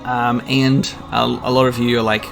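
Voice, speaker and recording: A man in his twenties with an Australian accent runs a YouTube gaming channel and chats casually with his subscribers, sounding earnest and a bit hesitant. His mid-range voice is fairly bright, with vocal fry, little pitch movement and a moderate pace. Guitar music plays behind him.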